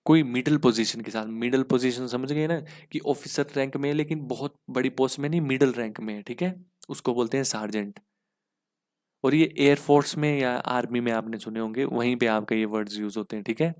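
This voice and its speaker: A man teaching English for an exam in a mix, explaining step by step with rhetorical questions and spelling words out slowly. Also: medium pitch, a little mellow. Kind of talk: exam-prep lesson in Hindi-English mix.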